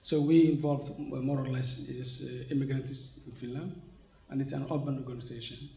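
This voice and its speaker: The gravelly, dark, medium-pitched voice of a Somali man in his forties holds a steady tone at a moderate pace. Representing an organization in a conversational English interview, he hesitates with many fillers and restarts. He's indoors at a conference venue, and the room is echoey.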